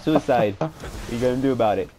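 A young man in casual gaming chat, boastful and excitable, trash-talking his opponents. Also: mid-range voice, quick pace. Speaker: gamer. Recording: noisy background hiss.

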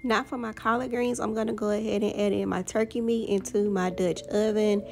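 A woman's voice: medium pitch, little pitch movement, a little fast, music in the background. A woman vlogger talking through her home cooking in a chatty, enthusiastic way. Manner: chatty, enthusiastic about ingredients. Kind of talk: casual cooking walkthrough. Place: home kitchen.

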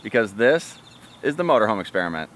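A middle-aged RV travel vlogger tours a town on foot and by car, talking upbeat and chatty straight into a handheld camera held at arm's length. His voice sits on the low side, very animated and quick, fairly bright, with faint music behind. The casual narration is recorded outdoors in town and inside the car, amid noisy ambience.

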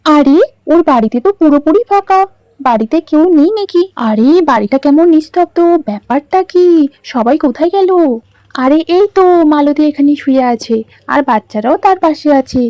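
A woman voicing a kind, helpful neighbour woman who reassures briskly in a doll story. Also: sits high, expressive, a little mellow, no echo. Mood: caring.

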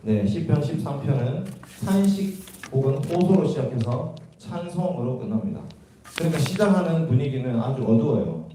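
Dark-voiced man teaching a Bible class. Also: medium pitch, big pitch swings, normal speed, a little hiss or hum. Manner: asks students questions, reads and explains verses. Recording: echoey room from far off.

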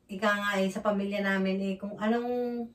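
A woman sharing a heartfelt church testimony in casual chat, emotional and halting, with many restarts and frequent laughter. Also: medium pitch, fairly even intonation. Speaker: church member giving testimony. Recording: echoey room from far off.

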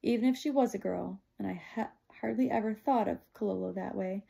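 A woman reading a novel aloud in steady first-person narration. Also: mid-range voice, brisk, creaky. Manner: steady, plain storytelling. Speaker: audiobook reader.

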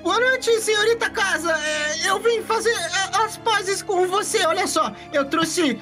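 A woman with a Brazilian accent voicing a timid, whiny young boy sidekick in a Minecraft animated film. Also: fast, over loud music. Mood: nervous. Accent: Brazilian Portuguese. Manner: nervous, protesting, high and jumpy. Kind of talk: Minecraft machinima voice acting.

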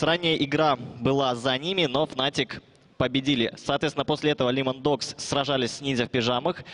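Young man, average pitch, esports caster, pre-match recap, headset mic. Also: a bit bright. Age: young adult. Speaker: esports commentator. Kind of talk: pre-match broadcast analysis.

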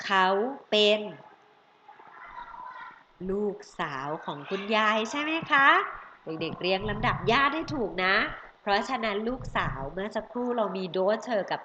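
A woman's voice: medium pitch, bright, forceful tone. A woman with a Thai accent teaching children English family words, coaxing them and drawing out each English word. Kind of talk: bilingual vocabulary lesson for kids. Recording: roomy, slightly dull audio with faint noise.

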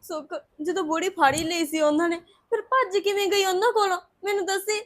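A woman's voice: very high voice, fairly even intonation, brisk. An actress playing a worried young woman who pleads tearfully for justice. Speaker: distressed young wife seeking justice. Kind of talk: Punjabi web-series acting.

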